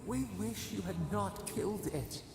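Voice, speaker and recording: A gravelly, echoing spirit. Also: mid-range voice. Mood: ominous. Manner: slow, cryptic, speaks as "we". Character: eerie plural spirit voice, ancient and mournful. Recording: echoey game audio with noise.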